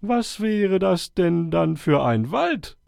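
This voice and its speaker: Man putting on a wise old owl, higher and lifted, slow stately delivery, hooting now and then, gravelly edge, lively swooping pitch, dry close sound. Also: no echo, heavily acted. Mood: explaining. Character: wise old male owl chairing a meeting. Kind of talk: storybook character voice.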